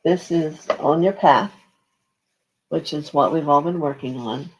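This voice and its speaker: A host of unclear sex leading a live guided relaxation session in a gentle, halting, unscripted way with pauses. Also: medium pitch, poor audio. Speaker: spiritual session host leading singing bowl meditation.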